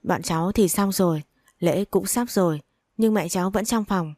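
A woman's voice: lowish voice, normal speed, darkish tone, dry recording, studio quality, close to an everyday voice. A woman reading the lines of an impatient, curt young husband. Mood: irritable.

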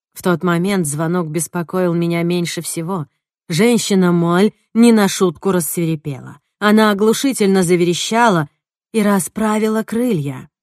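A woman reads a mystery aloud in the first person, her voice sitting a little low. The sound is dry and close, and her telling is measured with a wry edge. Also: a little mellow, dry recording. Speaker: audiobook narrator. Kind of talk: first-person audiobook narration.

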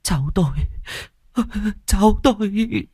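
A man voicing a frantic, tearful old grandmother who calls out in a high, strained wail. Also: moderate pace, breathy edge, no room sound, studio quality. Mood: sobbing.

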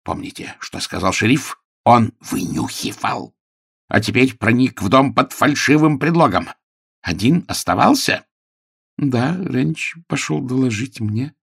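A man reading an audiobook plays a jumpy, suspicious young gentleman who talks in an insistent, agitated way. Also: medium pitch, animated, measured pace, vocal fry, breathy edge, no echo, studio quality, voice pushed up, heavily acted. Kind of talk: audiobook character voice.

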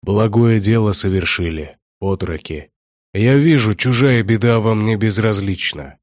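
A man's voice: no room sound, studio quality, lightly acted. A man doing a stern grey-haired warrior-prior. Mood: gravely approving. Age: older. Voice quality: deep bass. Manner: gruff, barking orders, slow and weighty. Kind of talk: audiobook character voice.

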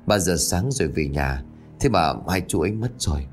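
A man's voice: low-pitched, expressive, moderate pace, faint music behind. A man voicing an anxious middle-aged village head who speaks urgently. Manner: urgent, pressing.

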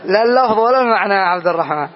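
A man's voice: high voice, expressive, very fast, muffled recording, some chatter behind. A man teaching a grammar lesson to a class, explaining patiently and quizzing his students one by one.

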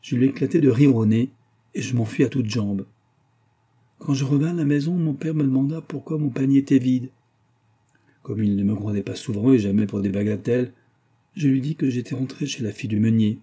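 Dark, husky male audiobook narrator. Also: medium pitch, a little fast. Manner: expressive, reads dialogue with voices. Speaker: audiobook reader. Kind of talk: scripted narration of a novel.

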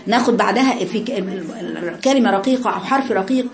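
A woman's voice: medium pitch, fast, gravelly. A woman with an Egyptian accent teaching a tajweed class, coaching her students and demonstrating sounds over and over. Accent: Egyptian Arabic. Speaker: Quran recitation teacher.

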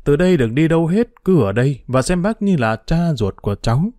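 A kind, fatherly old innkeeper, as a male narrator puts him on in a spoken storybook, talking softly and gently. The voice is mellow and dark, its pitch moving freely. It sounds close and dry. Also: sing-song, a little fast, no room sound. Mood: gentle. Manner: soft, gentle speech.

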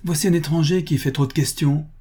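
A man's voice: a little high, steady tone, brisk, mellow, voice pushed up, lightly acted. A man voicing a sleepy, wary young female servant who gives short, guarded answers.

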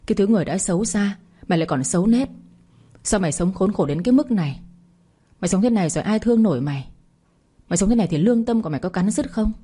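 A woman narrator voicing a grief-stricken young wife hurling fast, furious accusations, with a husky voice. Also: mid-range voice, animated, mellow.

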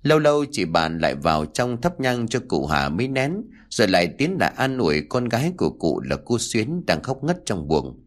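A man narrating a horror story in a dramatic, expressive way. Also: fairly low pitch, moderate pace, hardly any pauses.

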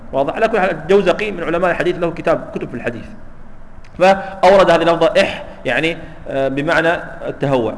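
A man's voice: fairly high pitch, long reverb tail, low-quality recording. A man teaching a religious text lesson, explaining step by step and often checking that students follow. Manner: asks students "clear?" often, explains with repetition. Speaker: Islamic studies teacher. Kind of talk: hadith commentary lesson.

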